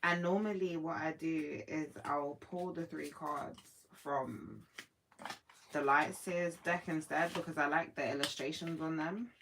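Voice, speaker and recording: Low-voiced woman chatting reflectively. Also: a little slow, gravelly, a little hiss or hum, low-quality recording. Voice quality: sleepy morning voice. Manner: relaxed, reflective, talking to viewers. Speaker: livestream host. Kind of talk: casual spiritual live stream chat.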